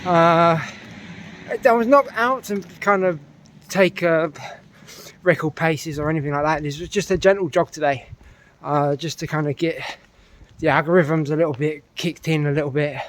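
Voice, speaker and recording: A man's voice: fairly high pitch, normal speed. A middle-aged man with a British accent, a little out of breath after a run, chatting casually to camera and rambling with lots of fillers and restarts. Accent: British English. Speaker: running vlogger.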